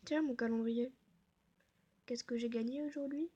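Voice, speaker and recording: A woman narrates her gameplay in a soft, hushed way, tossing out self-mocking asides as she goes. Her voice sits high and has a slightly husky, breathy edge. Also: fairly even intonation, moderate pace. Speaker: gaming video creator. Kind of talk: casual gameplay commentary.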